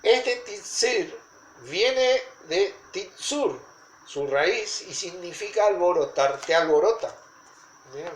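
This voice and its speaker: A man's voice: high voice, echoey room, poor audio. A man preaching a teaching sermon, stressing points with emphatic repetition.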